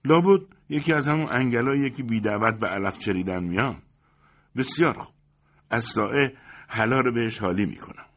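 A man voicing a brash, nosy male best man at a wedding, loud and mocking. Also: medium pitch, pitched above the performer's own voice. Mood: bossy.

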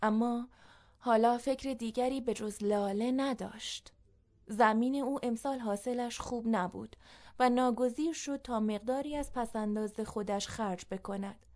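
A woman reads a story aloud as narrator. Her pacing is measured and even. Her voice sits a touch higher than most.

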